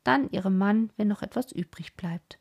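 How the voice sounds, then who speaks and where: A woman's voice: medium pitch, normal speed, creaky, breathy edge. A woman reading aloud, voicing a proud colonel praising an honest carpenter in an old storybook. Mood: emphatic.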